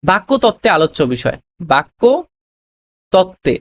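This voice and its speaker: A tutor giving a recorded lesson, explaining step by step with many pauses, fillers and quick self-corrections, often checking that the students follow. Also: medium pitch, expressive. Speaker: admission test tutor.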